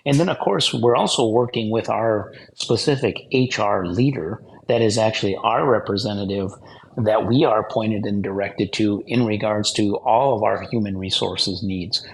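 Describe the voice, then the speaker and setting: A man's voice: on the low side, moderate pace, creaky, poor audio. A man who works as an aviation manager, methodically walking through his hiring process. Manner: methodical, lists points. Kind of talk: conversational interview answer.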